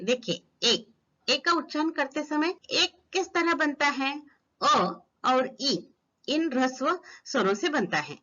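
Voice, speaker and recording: A woman teaching an online grammar lesson, speaking slowly and sounding out each vowel as an example. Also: high voice, sharp tone. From Maharashtra, India. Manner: slow, deliberate, models each vowel sound aloud. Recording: slightly dull lo-fi recording.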